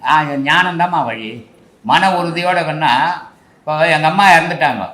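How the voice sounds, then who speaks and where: A man's voice: fairly high pitch, animated, moderate pace, bright, forceful tone, roomy sound. An older man, a spiritual teacher, answering questions in casual, instructive speech with rhetorical questions.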